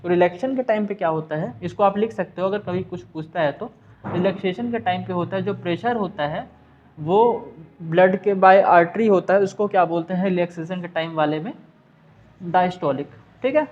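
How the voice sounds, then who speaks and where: A man's voice: high voice, normal speed, darkish tone, lo-fi sound. A man teaching a science class, with a Hindi accent, who asks and answers his own questions and mixes in English terms. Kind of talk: class lesson.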